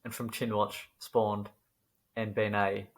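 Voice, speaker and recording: A young man co-hosting a casual podcast, wry and quick to laugh at his own scripted opening. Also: lowish voice, level tone. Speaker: podcast co-host.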